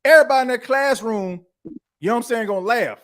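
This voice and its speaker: A man's voice: extremely high pitch, fast, a bit bright. A man in his thirties hosting a podcast, chatting casually and rambling, with frequent restarts and the filler "you know what I'm saying". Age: 30s. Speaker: podcast host. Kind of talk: casual chat.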